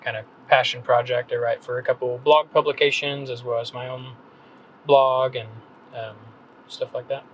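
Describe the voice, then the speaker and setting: A man's voice: mid-range voice, flat delivery, moderate pace, highs cut off, slight background noise. A man in his thirties from North Carolina, a podcast guest talking casually with many ums and restarts. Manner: hesitant, rambling, frequent ums and restarts. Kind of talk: casual conversational interview.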